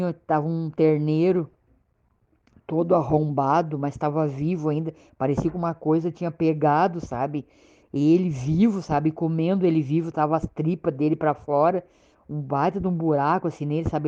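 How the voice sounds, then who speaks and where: A woman with a Southern Brazilian accent from Rio Grande do Sul, telling a frightening personal story in a halting, repetitive way, often checking in with her listener. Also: low-pitched, mellow. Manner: halting, repetitive, keeps asking "sabe?". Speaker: storyteller recounting a frightening experience. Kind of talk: casual spoken personal account. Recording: dull lo-fi recording.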